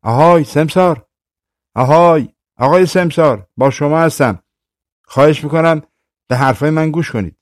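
A man voicing a shrill panicky kettle-badger. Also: long pauses, dry recording, studio quality, natural voice. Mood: pleading. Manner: shrill frantic cries. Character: magic kettle turned panicky badger creature.

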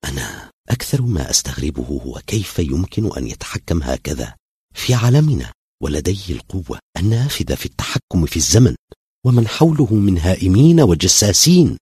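A man's voice: low-pitched, sing-song, a little fast, dark tone, husky, dry recording, clean studio sound, heavily acted. A man voicing a bewildered, short-tempered young man in an audio story, firing off tense questions. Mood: puzzled.

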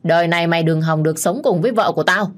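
A woman voicing a crazed, jealous young man who holds a knife and threatens and taunts in a menacing, shouting way. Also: lowish voice, unhurried, slightly rough. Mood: raging.

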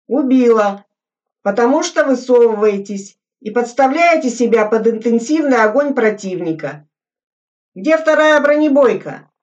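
Brief: a woman playing a keen young officer barking orders, high and loud, slow delivery, dull distant audiobook sound. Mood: commanding. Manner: shouting commands, excitable. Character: eager young male junior lieutenant, self-important.

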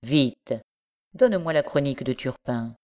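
A woman's voice: rumbling low, expressive, unhurried, a little mellow. A woman voicing an ambitious young nobleman scholar who speaks courteously but insistently. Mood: persuasive. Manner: courteous, then urgent and driven.

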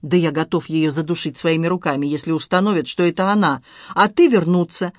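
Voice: medium pitch, steady tone, a little fast, dry recording, clean studio sound, natural voice. A reader voicing a young husband who flares up and then turns urgent and coaxing, in an audiobook. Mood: indignant. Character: young husband, hot-tempered but tender. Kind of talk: audiobook dialogue.

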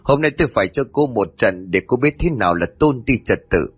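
Proud angry second wife in a storybook, man reading it, sharp scolding. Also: medium pitch, expressive, a little fast, husky, no room sound. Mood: indignant. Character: jealous middle-aged second wife, haughty and quick to anger.

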